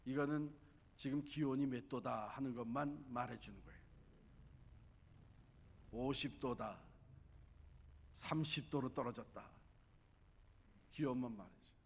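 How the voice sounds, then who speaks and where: A man's voice: medium pitch, measured pace, pauses often. A man preaching a fervent revival sermon in a large church hall, dropping in English words. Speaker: pastor. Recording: long reverb of a large hall.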